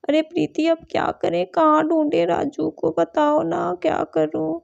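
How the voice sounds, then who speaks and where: A woman's voice: very high-pitched, level tone, unhurried, vocal fry, a little mellow, dull audio, exaggerated voice. A woman voicing a worried young mother in a doll story, fretful and pleading. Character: worried young mother searching for her son.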